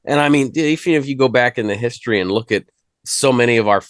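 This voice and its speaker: A man's voice: medium pitch, fast, no room sound, clean studio sound. A man hosting a casual music chat, loose and profane, trailing off and restarting his thoughts. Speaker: host.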